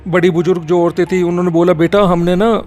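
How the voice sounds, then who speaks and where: A man's voice: high-pitched, little pitch movement, quick pace, darkish tone, faint music behind. A man telling a horror story in casual spoken style, rambling with fillers and correcting himself as he goes.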